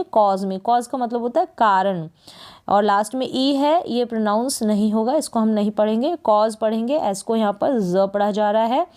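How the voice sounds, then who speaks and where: A woman's voice: fairly high pitch, a little mellow. A woman with a Hindi accent teaching English phonics, spelling each word letter by letter and repeating it. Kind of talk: slow phonics lesson.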